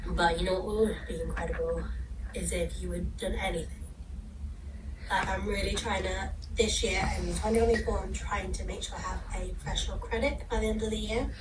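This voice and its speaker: A woman in her late twenties with a sick, husky voice, rambling hopefully in a casual vlog. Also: medium pitch, fairly even intonation, brisk. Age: 20s. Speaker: vlogger. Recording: echoey, distant, noisy old vlog clip.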